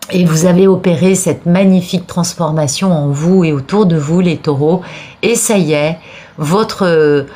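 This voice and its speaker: A woman with a low voice and darkish tone reads tarot for viewers while fighting a cold and sneezing. She speaks encouragingly, with frequent restarts and repeated words.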